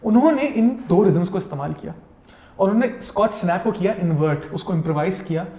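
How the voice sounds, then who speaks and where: Guy explaining stuff in detail, kinda high voice, echoey room. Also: expressive, fast, mellow. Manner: detailed, explanatory, switches into English mid-sentence. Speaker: guest cultural critic. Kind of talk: conversational explanation. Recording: roomy echo.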